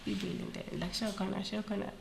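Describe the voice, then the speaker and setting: A school principal speaks earnestly and animatedly in an interview, mixing in Zulu phrases and sounding nasal from the flu. Her mid-range voice is creaky and quick, against a noisy background.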